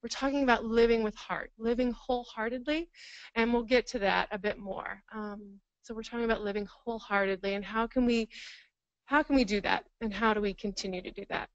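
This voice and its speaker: A woman's voice: on the high side, fairly even intonation, a little fast, dry recording, muffled recording. A woman presenting a counseling workshop to a live room, thinking aloud and laughing often. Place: training room with live audience.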